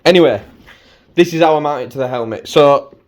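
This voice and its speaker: A man's voice: a little high, fast talker, darkish tone. A British man giving a casual, chatty walkthrough of gear as a vlogger, with a cheeky, slangy, informal way of talking. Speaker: motovlogger presenting gear.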